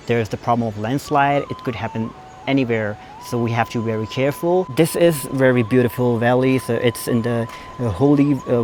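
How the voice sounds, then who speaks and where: A young man speaks English in a self-made American-style accent, very slowly and carefully, halting over his words. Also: mid-range voice, darkish tone.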